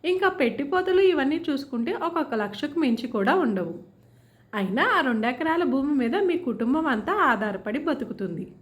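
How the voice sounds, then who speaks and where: A woman voicing a sarcastic, loud-mouthed middle-aged village aunt who taunts and shouts scornfully. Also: sits high, sing-song, moderate pace, pitched above the performer's own voice. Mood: angry shouting.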